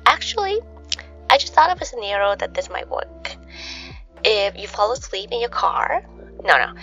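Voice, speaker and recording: A woman's voice: on the high side, gravelly. A woman hosting a bedtime sleep podcast in the manner of a sleep story narrator, musing conversationally as she goes. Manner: conversational, musing, asks rhetorical questions. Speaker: host of a relaxation sleep podcast. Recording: dull lo-fi sound, music behind. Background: soft background music.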